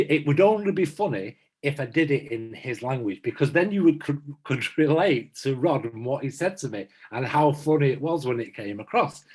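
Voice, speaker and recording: This casual podcast chat comes from a co-host in his fifties from south Manchester, who hammers home his points through repetition. His voice is husky and a little mellow, pitched at medium.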